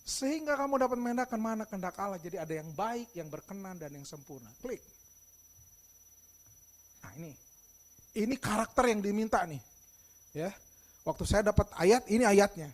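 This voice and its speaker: Middle-aged man, preaching, storytelling, acted-out dialogue, soft-to-loud swings. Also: high-pitched, animated, normal speed, long pauses. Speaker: pastor. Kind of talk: sermon.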